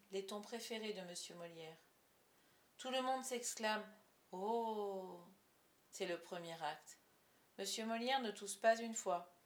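Woman, storybook narrator, soft hushed voice, medium pitch. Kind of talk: storybook reading.

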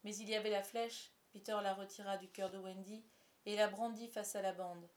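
Storybook narrator: woman, expressive and measured, mid-pitched. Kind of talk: audiobook storytelling.

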